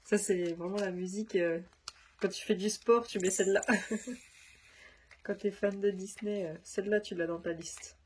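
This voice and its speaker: A woman's voice: mid-range voice, steady tone, measured pace, pauses often, a little mellow, slight background noise. A woman vlogger chatting casually to camera, her voice nasal from a stuffy nose, rambling with many fillers. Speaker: crafts vlogger.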